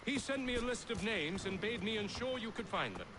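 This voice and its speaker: A man's voice: high voice, expressive, fairly quick, background noise. An actor playing an eager, deferential young man, speaking in formal, respectful period phrases in video game dialogue. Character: young male eager, deferential loyal servant. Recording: game audio with clear street ambience.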